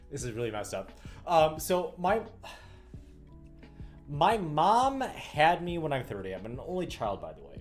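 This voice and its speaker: A man's voice: a little high, huge pitch swings, measured pace, long pauses. A man in his thirties from the US Midwest, rambling casually on a livestream with frequent fillers and laughs. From Illinois, US Midwest. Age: 30s. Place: home room while stringing rackets. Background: faint music.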